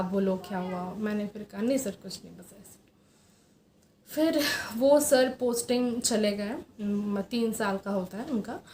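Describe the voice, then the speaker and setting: Soft-spoken young woman in an echoey room. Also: medium pitch. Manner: soft, hesitant storytelling with many fillers. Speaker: vlogger. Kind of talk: personal confessional vlog. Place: room at home. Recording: roomy echo, faint background hiss.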